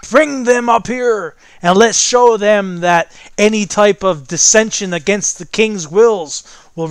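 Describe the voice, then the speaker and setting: A man voicing a booming, imperious royal official shouting commands in a tabletop game. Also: no room sound, exaggerated voice. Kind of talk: tabletop game role-play.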